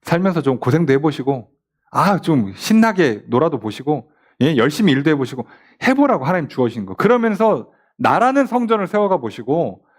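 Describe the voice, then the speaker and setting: A man, a pastor, leading a casual Bible study and often asking his listeners rhetorical questions. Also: a little high. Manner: casual, talkative, plays out quoted lines.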